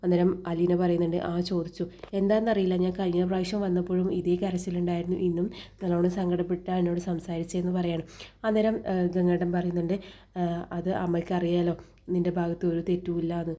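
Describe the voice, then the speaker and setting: Woman recapping a serial, dark and flat. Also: fairly low pitch, brisk. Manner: retells dialogue with "she says" tags and fillers. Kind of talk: casual spoken recap of a TV serial episode.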